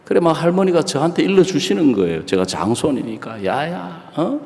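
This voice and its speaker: A male pastor preaching in a storytelling sermon, dropping to hushed tones for effect. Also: on the high side, big pitch swings, brisk. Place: church sanctuary. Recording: reverberant church hall.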